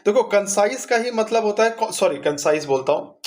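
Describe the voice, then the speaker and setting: A man's voice: high voice, expressive, brisk. A male exam coaching teacher revising memory tricks, asking questions and answering them himself in a chatty, friendly way. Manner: chatty, addresses students as bhai.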